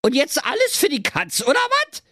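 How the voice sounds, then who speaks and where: A narrator voicing a dim-witted, frantic young mother with a Berlin accent in a squeaky, shrieking voice. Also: huge pitch swings, normal speed, bright, forceful tone, no room sound, studio quality, exaggerated voice. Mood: panicked.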